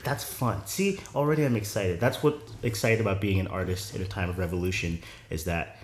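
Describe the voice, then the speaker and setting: A man hosting a podcast, playful and animated, quick to react with surprise. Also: sits low, roomy sound, a little hiss or hum. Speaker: podcast co-host. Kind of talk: casual chat.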